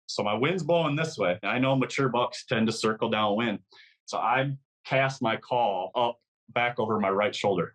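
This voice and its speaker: A man's voice: on the low side, fairly bright tone, poor audio. A man from Michigan, a podcast guest, telling a hunting story in a casual, vivid way, full of "like"s and mimicked deer calls.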